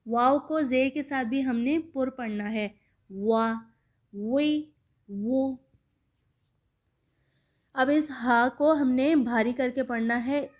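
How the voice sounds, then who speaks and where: A woman with a Pakistani Urdu accent giving an online Quran reading lesson, patiently drilling each syllable slowly and repeating it. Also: high-pitched. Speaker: Quran recitation teacher.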